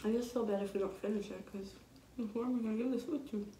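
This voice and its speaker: Chatting casually during an eating challenge, a young female vlogger laughs and jokes, occasionally with food in her mouth. Her voice is higher than average, mellow and steady, and quick, captured in an echoey room by a distant mic with slight background noise.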